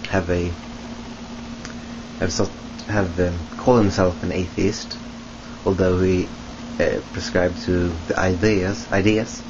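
A young Swedish vlogger casually introduces himself to a close webcam from a small room at home, talking slowly in a very low, flat voice. He hesitates constantly, with many ums and restarts. The lo-fi webcam sound is dull and hissy.

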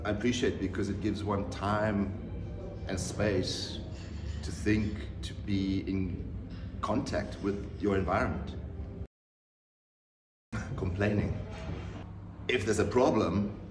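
A man in his fifties from South Africa, an artist answering interview questions in a measured, reflective way with pauses and restarts. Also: lowish voice, steady tone, over music. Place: room with bookshelves, seated in leather armchair. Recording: roomy, distant mic, audible background noise.

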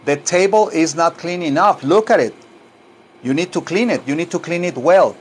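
A man teaching English in a casual lesson, drawing out model phrases slowly for students to repeat and breaking into playful asides. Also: on the high side, slight background noise. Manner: playful asides, mock radio-DJ patter and sung snatches.

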